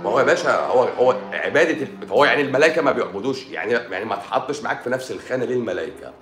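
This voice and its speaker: Egyptian man, doctor on a live stream, sore throat, lively and sarcastic banter, echoey room. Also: mid-range voice, racing, soft background music. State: sore throat and swollen eye. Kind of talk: casual live-stream chat answering comments.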